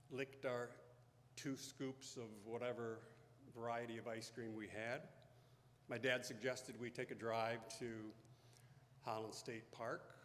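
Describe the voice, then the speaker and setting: A man in his fifties telling a personal story in a sermon, slow and deliberate, growing hushed at tender moments. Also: mid-range voice, a little hiss or hum. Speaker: pastor. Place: church sanctuary. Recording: echoey church hall.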